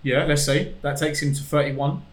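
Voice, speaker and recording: A man's voice: fairly high pitch, fairly even intonation, normal speed. A man with a London roadman accent, co-hosting a casual football debate in colloquial, insistent style. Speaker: podcast co-host. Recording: roomy, echoing room sound.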